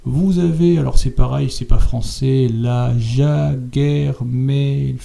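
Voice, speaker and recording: Guy with a low gravelly voice, lots of uh and repeats, keeps pushing his point, kinda stop-start commentary. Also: fairly even intonation, slow pace, mellow. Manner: hesitant, many fillers and repeated words; insistent, keeps adding tag questions. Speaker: video host. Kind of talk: spoken commentary over on-screen images.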